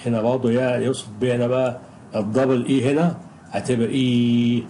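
A man's voice: mid-range voice, little pitch movement, fairly quick, dark tone, slight background noise, poor audio. A man with an Egyptian Arabic accent teaching English pronunciation in a recorded lesson, patiently repeating each word several times.

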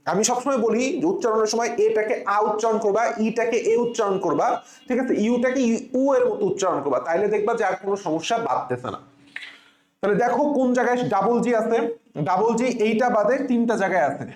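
A man's voice: high voice, roomy sound. A young adult man with a Bangladeshi accent, tutoring for an admission exam and drilling spellings letter by letter. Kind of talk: spelling lesson for students.

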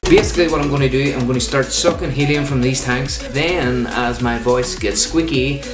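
A man's voice: medium pitch, moderate pace. A man in his twenties talking casually to camera as a vlog host. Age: 20s. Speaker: vlogger, host. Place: bedroom, indoors. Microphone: camera in front of him. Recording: roomy bedroom sound. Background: music.

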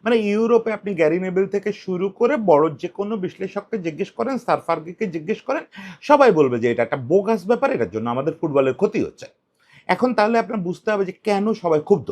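Male football commentator, solo talk, high voice, very expressive, argumentative. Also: quick pace. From Bengal. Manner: animated, rhetorical questions, shifts pitch for emphasis.

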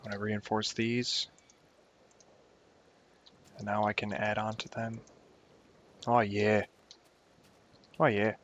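Low-voiced man rambling over gameplay. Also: little pitch movement, slow, long pauses, a bit bright. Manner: rambling, self-mocking, talks to himself while playing. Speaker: gaming YouTuber. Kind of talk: casual gameplay commentary. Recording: dull lo-fi home recording.

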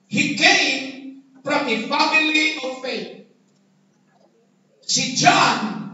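A Filipino pastor preaches in a high, bright, forceful voice, often shouting for emphasis. He is heard from far off in a very echoey hall. The recording is dull and lo-fi. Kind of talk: sermon.

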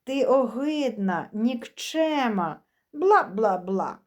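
A woman's voice: fairly high pitch, very animated, measured pace, dark tone. A woman voicing a spiteful, vengeful young wife in a spoken story, with a mocking, sneering manner.

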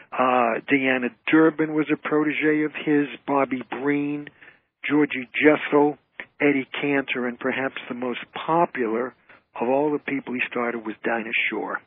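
This guest entertainer's husky, medium-pitched voice comes across a narrowband, phone-like radio line. In the interview he explains things and spins anecdotes.

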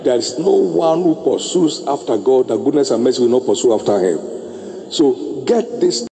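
A man's voice: expressive, creaky, dark tone. Emphatic preaching man, echoey hall. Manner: slow, emphatic preaching with drawn-out phrases and sudden high exclamations. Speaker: bishop preaching. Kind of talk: sermon exhortation. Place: large church auditorium. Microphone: handheld mic.

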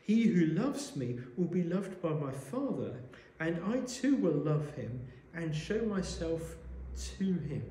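A man preaching a sermon, explaining a Bible passage in a measured way and asking rhetorical questions, recorded in a church. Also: a little high, very animated, mellow. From Wales. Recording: echoey church room.

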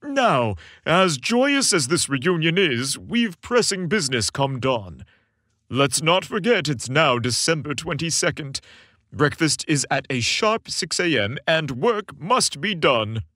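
A man voicing a jovial, fatherly old Santa Claus from a storybook, hearty, measured and commanding. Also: on the high side, big pitch swings, bright, forceful tone, no room sound, clean studio sound, voice pushed up, heavily acted. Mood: kindly firm.

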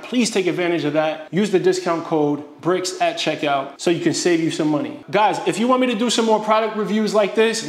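A man in his thirties, a fitness coach, giving an energetic, slangy sponsored product review in a home gym room. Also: echoey room. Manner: hyped, slangy, energetic pitch. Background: background music.

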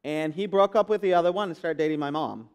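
Pastor, smooth clear voice. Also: male voice, fairly high pitch, fast talker, darkish tone. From Guatemala. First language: Spanish. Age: 30s. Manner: conversational, frequent fillers and restarts. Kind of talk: sermon testimony. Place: church sanctuary.

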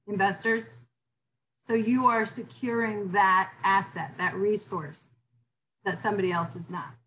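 Leading a discussion in an online class, this woman teacher speaks in a low register and grows forceful and lively as she discusses theory. The audio quality is poor, with some light background noise.

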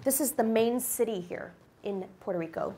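A woman in her forties from the United States, a company executive giving a guest lecture to a university class. She speaks into a handheld microphone on a lecture hall stage and tells personal stories in a lively, upbeat way. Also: on the high side, moderate pace.

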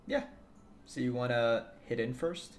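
A man's voice: mid-range voice, unhurried, slight background noise. A man casually talking through a card game with a friend, dry and laid-back. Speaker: co-host streamer. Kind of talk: casual gameplay chat.

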